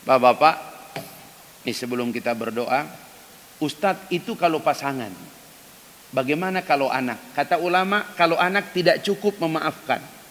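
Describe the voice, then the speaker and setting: An ustadz delivers an emphatic dawn sermon in a mosque, addressing the men of the congregation directly and acting out quoted prayers with loud, high cries. He speaks at normal speed with long pauses, and the reverberant hall recording has a faint hiss.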